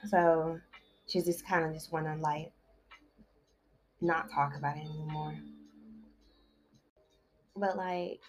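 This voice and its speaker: Speaking slowly with long pauses, a woman with a low, steady voice retells a novel's story as a book summary vlogger. It's a casual, rambling recap full of "like" and "you know," with music playing in the background.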